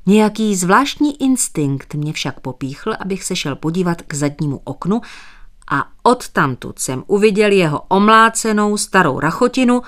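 A woman narrating an audiobook in a measured, expressive reading. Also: mid-range voice.

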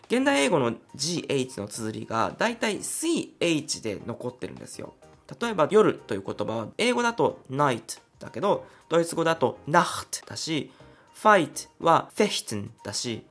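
A man hosting his own podcast, talking through an idea one step at a time in a chatty, easygoing way. His voice is a little breathy, and his pitch moves around a lot as he speaks. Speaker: podcast host. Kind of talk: solo podcast explainer.

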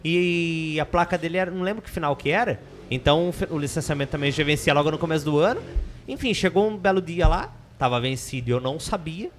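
A man with a Brazilian accent from inland São Paulo tells a rambling story in slangy everyday talk. His voice sits slightly high and moves very quickly. There is noise behind him. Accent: Brazilian Portuguese, São Paulo interior. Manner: colloquial, slangy, digressive storytelling. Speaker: podcast guest. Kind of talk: casual anecdote telling.

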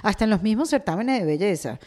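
A middle-aged Venezuelan woman hosts a podcast in a relaxed, chatty way. She circles her questions with fillers and restarts, at a medium pitch. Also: fast talker. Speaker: podcast host. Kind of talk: conversational podcast interview.

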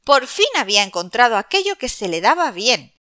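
A woman narrating a children's story expressively, addressing young listeners in an animated way. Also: fairly high pitch, brisk, dry recording, studio quality.

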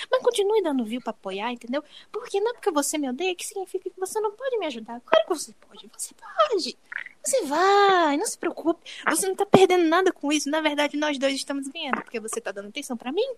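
A woman's voice: high voice, big pitch swings, fast, a little hiss or hum, low-quality recording. A young woman from Brazil hosting a podcast, joking and telling stories in a playful, self-mocking way. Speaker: podcast host.

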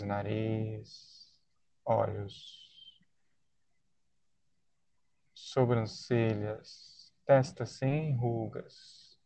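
A man with a Brazilian accent leading a guided body-scan relaxation in a soothing, unhurried way, leaving long pauses between short phrases. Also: medium pitch, mellow. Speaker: guided meditation leader.

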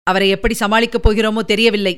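A woman reading a Tamil story, voicing a young male warrior noble with hurried, earnest warnings. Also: mid-range voice, little pitch movement, fairly bright tone, clear, resonant tone, lightly acted. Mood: urgent.

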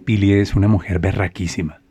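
Man doing a woman friend, admiring, warm praise, mellow low voice. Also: steady tone, a little fast, breathy edge, soft background music.

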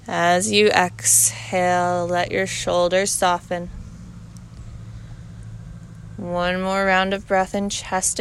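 Slow, smooth-voiced woman guiding yoga. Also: mid-range voice. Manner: calm, unhurried cueing in short measured phrases. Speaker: yoga instructor. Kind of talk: guided yoga class instruction.

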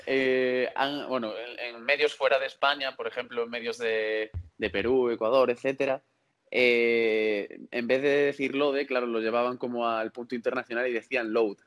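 A man's voice: mid-range voice, fairly even intonation, normal speed, a bit bright. Hesitant young man. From Galicia, Spain. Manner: hesitant, repeats words, laughs often. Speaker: singer and guest. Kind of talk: podcast interview.

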